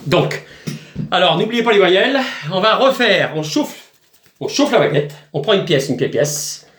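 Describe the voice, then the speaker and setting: A man's voice: sits high, big pitch swings, a little slow, a bit bright, reverberant, recorded from a distance. A man chatting in a rambling, joking home video, with crude asides and chanted nonsense magic words. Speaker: video host.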